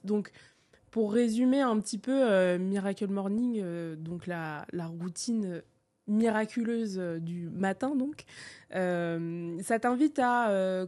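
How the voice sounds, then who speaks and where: A woman in casual conversation, explaining in a measured way with hesitant fillers. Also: mid-range voice, warm tone. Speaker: podcast co-host.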